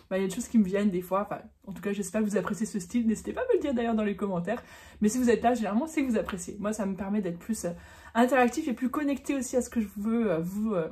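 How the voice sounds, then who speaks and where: A woman's voice: a little high, mellow. A woman giving a casual, chatty online German lesson, correcting herself as she goes and stretching out the example words. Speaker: German teacher.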